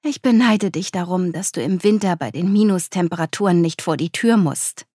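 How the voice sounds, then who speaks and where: A woman reading aloud voices a calm young woman friend who speaks in a soothing, encouraging way. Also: on the low side, normal speed, dry recording, studio quality, lightly acted. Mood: reassuring.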